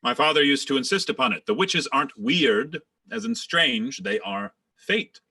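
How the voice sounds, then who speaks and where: Animated, bright-voiced actor-manager. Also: male voice, on the high side, moderate pace, vocal fry. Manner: assured, explanatory, theatrical. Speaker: actor-manager directing a rehearsal. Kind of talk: radio drama acting.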